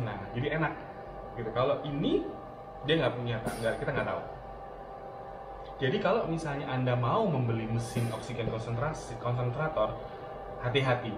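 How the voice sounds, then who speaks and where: A man's voice: mid-range voice, far from the mic. Casual man reviewing gadgets, off-mic. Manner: relaxed, many fillers and restarts, mixes in English words. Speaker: product reviewer. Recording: roomy, off-mic, with steady room noise.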